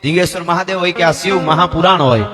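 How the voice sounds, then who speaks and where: A man's voice: high-pitched, quick pace. A man telling stories at a religious gathering, chatty and earnest, with asides. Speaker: folk storyteller at a religious gathering. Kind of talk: live stage talk at a dayro. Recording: live hall echo with faint music.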